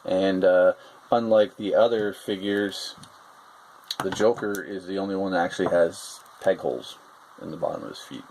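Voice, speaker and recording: In a poor-quality recording, a man with a very deep voice reviews a toy at normal speed in a relaxed, meandering way, frequently stalling on filler words. Beneath him is a faint, constant room hiss.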